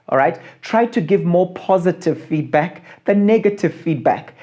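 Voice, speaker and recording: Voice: mid-range voice, darkish tone. A marriage coach giving a teaching talk about feedback, stressing key points and often checking in with the listener. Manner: emphatic, repeats key points and checks in with "okay?".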